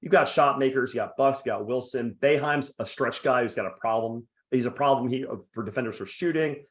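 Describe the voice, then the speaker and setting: A man's voice: medium pitch, fairly quick. A man hosting a casual sports podcast interview, chatty and joking. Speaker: podcast host.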